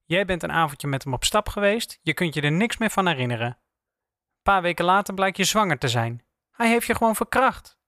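A man voicing Max, a worried, blunt male friend who speaks softly. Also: sits high, expressive, fairly quick, no room sound, studio quality, voice pushed up, exaggerated voice.

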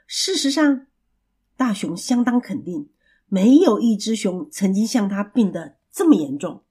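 A woman storyteller reading a children's story aloud in an expressive, animated way. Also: medium pitch, measured pace, husky.

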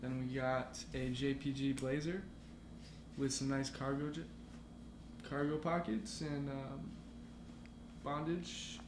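A man's voice: mid-range voice, little pitch movement, slow pace. A young man as a podcast guest, talking in a laid-back, rambling way full of fillers. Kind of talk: casual chat. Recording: echoey room with background noise.

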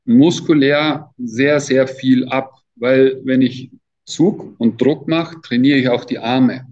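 A man in his fifties, an athletic trainer, is interviewed and talks in a casual, colloquial, emphatic way. His medium-pitched voice is slow and a little mellow, and the audio is dull and lo-fi.

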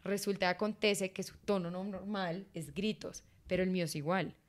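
A young woman from Miami co-hosting a casual podcast chat, talking loudly, bluntly and with plenty of swearing. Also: medium pitch, steady tone, normal speed. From Miami, USA. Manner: loud, brash and foul-mouthed. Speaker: co-host.

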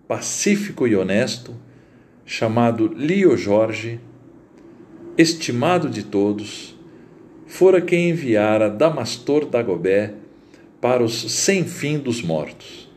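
A man reading a literary short story aloud as narrator, in a slow, deliberate and expressive way. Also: mid-range voice, a little hiss or hum.

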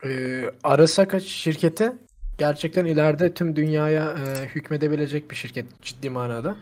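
Playful high-voiced young man joking around. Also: moderate pace, darkish tone. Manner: playful, joking, goofy hypotheticals. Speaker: podcast co-host. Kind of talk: casual podcast chat.

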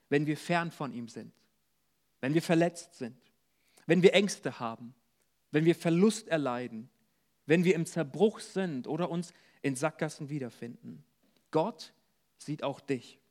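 A man preaching an earnest sermon at a church service, dropping soft and low for words of comfort. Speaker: pastor.

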